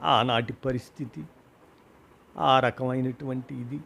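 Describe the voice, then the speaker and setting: A man's voice: medium pitch, fairly even intonation, slow, gravelly, fairly bright tone, full character voice. A man reading a grieving husband's story of loss, emotional and rising to cries at the peaks, in a storybook reading. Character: grieving husband recalling his mother's death.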